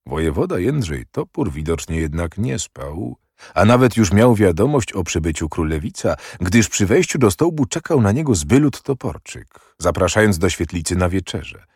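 A man narrating a historical novel in a measured, steady audiobook reading. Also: low voice, breathy edge, no room sound, studio quality.

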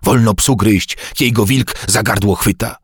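A man's voice: fairly low pitch, steady tone, unhurried, breathy edge, no echo, clean studio sound, voice pushed up. A man voicing a stern medieval lord who talks in an urgent, insistent way. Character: stern older male Slavic lord, forceful.

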